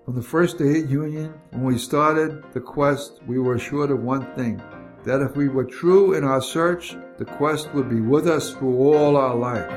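A man's voice: medium pitch, faint music behind. Older man reading his memoir. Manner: measured, reflective reading. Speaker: narrator of his own memoir. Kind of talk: scripted memoir narration.

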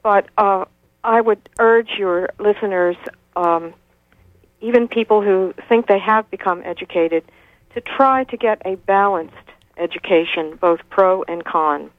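A woman's voice: medium pitch, measured pace, no echo. Older woman caller on a clipped phone line. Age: 60s. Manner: insistent, lecturing, with frequent hesitations. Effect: clipped telephone line. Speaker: radio show caller. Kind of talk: call-in radio talk.

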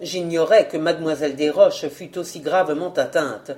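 A woman reader playing a great male detective who speaks gravely and categorically in a lowered voice. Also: moderate pace, darkish tone, soft background music, close to an everyday voice.

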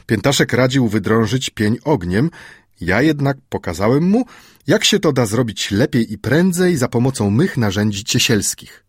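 A man reading an audiobook chapter in a measured, old-fashioned storytelling manner. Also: medium pitch, animated, husky, no echo, clean studio sound. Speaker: audiobook narrator. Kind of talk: scripted audiobook narration.

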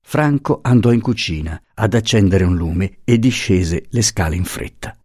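A man reads a classic novel aloud in a measured, expressive way. His voice is low and swings widely in pitch, and the recording is dry and close with no room sound. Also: slightly rough, dry recording. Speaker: audiobook reader. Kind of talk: scripted narration.

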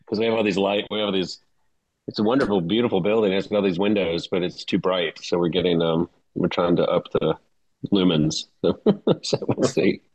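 Very deep-voiced man chatting casually. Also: steady tone, moderate pace, a little mellow, poor audio. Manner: rambling, jokey, repeats phrases. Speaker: podcast co-host and Anglican pastor. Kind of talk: casual chat.

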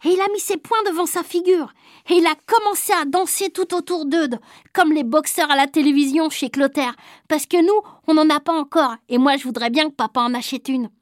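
A woman with a high voice narrates a children's book in a lively, childlike first-person way. She reads close to the mic, so the sound is dry with no room around it. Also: normal speed, no echo. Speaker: audiobook reader. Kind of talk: storybook narration.

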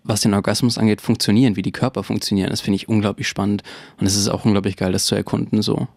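A man's voice: fairly low pitch, little pitch movement, rapid-fire, gravelly, darkish tone, no echo, clean studio sound. A man in his twenties co-hosting a podcast, chatting casually and frankly, laughing often. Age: 20s. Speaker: podcast co-host.

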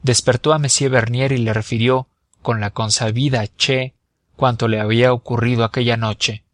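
A man reading a novel aloud as an audiobook narrator, measured and expressive. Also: mid-range voice, no room sound, studio quality. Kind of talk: scripted narration.

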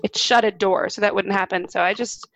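A woman's voice: medium pitch, fairly even intonation, a little fast, a bit bright, dry recording. A woman chatting casually on a podcast in a playful, wry way.

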